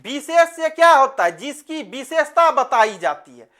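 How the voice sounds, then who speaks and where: A man teaching an online class, speaking slowly. He keeps putting questions to his students and then answers them himself, calling them "beta" as he goes. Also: very high-pitched, big pitch swings, bright, forceful tone.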